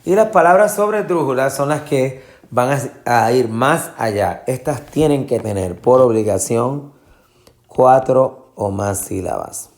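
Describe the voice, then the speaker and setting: In a classroom Spanish lesson, a man explains patiently and repeats words slowly to show where the stress falls, mixing in English fillers. His voice has a medium pitch and a darkish tone.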